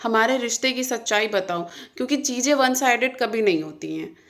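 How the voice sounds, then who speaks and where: A woman's voice: a little high, brisk, fairly bright tone. A young woman vlogger, talking casually to camera and venting, earnest and emphatic as she retells a fight. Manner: frustrated, venting. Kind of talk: casual vlog talk to camera.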